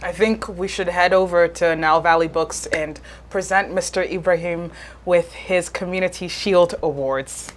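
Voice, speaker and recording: A woman's voice: fairly low pitch, steady tone, normal speed. A woman hosting an awards event and interviewing a guest, with upbeat, polished presenter delivery. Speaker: host.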